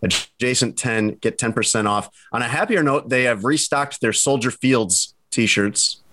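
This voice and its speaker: A man's voice: medium pitch, a little slow, sharp tone. A man hosting a casual sports podcast, rambling and restarting his sentences, tired from early mornings, with dry jokes. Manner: rambling, self-interrupting, dry joking. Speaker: podcast host.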